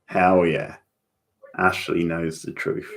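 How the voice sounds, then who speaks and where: Hosting a live watchalong, a man offers casual, opinionated commentary on a TV show and chats back to viewers. His voice sits low and is gravelly, with a slow, flat delivery.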